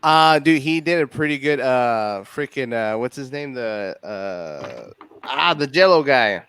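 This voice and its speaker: A man's voice: mid-range voice, very animated, unhurried, fairly bright tone, clean tone, no room sound. An easygoing man comedian chatting on a panel, rambling with lots of "uh" and "dude". His voice sits in a middle register, and it comes through dry, with hardly any room sound. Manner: loose, rambling, sprinkled with "dude" and "uh". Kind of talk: casual comedy panel chat.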